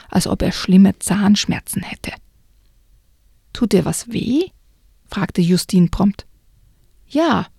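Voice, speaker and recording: A woman with a gravelly, husky and warm voice reads a children's storybook aloud and then talks about it. Her delivery is soft and at times whispery. The sound is dry and close, as in a radio studio. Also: mid-range voice, dry recording. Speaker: book reviewer. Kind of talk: reading a children's book aloud and discussing it.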